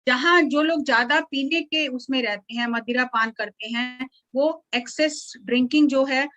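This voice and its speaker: A woman meditation teacher guiding a meditation and giving a calm, slow, explanatory spiritual talk. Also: high voice, faint music behind, low-quality recording.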